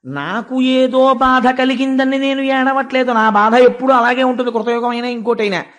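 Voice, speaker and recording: A grieving Mother Earth in the shape of a cow, voiced by a man telling a devotional story. Her voice is high and light, and she speaks in a plain, storytelling way. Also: steady tone, moderate pace, fairly bright tone. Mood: sorrowful.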